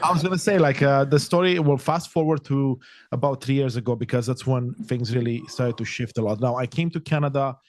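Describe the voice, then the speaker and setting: In a conversational podcast interview, a middle-aged Romanian man who works as a life coach talks a little fast with few pauses in a mid-range voice. His long sentences flow along, earnest and reflective.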